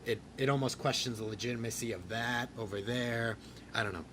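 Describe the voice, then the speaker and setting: A man hosting a podcast in casual chat, rambling and excitable with crude jokes. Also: mid-range voice, a little fast, crowd noise. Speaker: podcast host.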